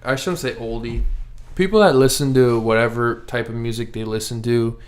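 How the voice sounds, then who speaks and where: A man's voice: medium pitch, steady tone, moderate pace. A young man from Minnesota hosting a casual home podcast, chatting in a laid-back, rambling way with plenty of fillers. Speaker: podcast host. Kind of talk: casual chat. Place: home, with dog beside him.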